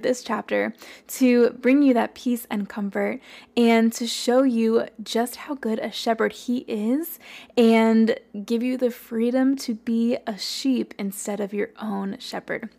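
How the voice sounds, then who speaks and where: A woman hosting a Bible study podcast, talking earnestly and encouragingly in a slightly hoarse, worn voice. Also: fairly high pitch, a little mellow. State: slightly hoarse, worn voice from recording the day before. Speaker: podcast host.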